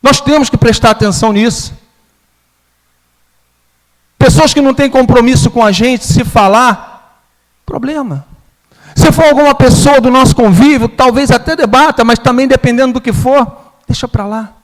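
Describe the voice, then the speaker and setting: A man preaching from the pulpit with a notably high-pitched voice. He tells his story as a sermon and voices the back-and-forth of each character in it. His voice rings out with a long reverb through a church hall. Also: normal speed, long pauses. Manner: storytelling, acts out his own and his mother's lines. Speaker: pastor.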